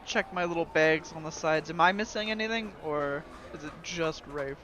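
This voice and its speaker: High-voiced, tentative man at a tabletop game. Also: normal speed, bright, forceful tone. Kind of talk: casual in-game chat.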